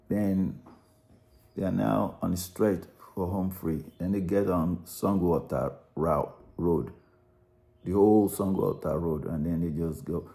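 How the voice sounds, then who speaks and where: Low, mellow-voiced Nigerian man narrating. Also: gravelly. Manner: rambling, self-correcting, repeats words. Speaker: narrator analysing a song. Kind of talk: unscripted spoken commentary.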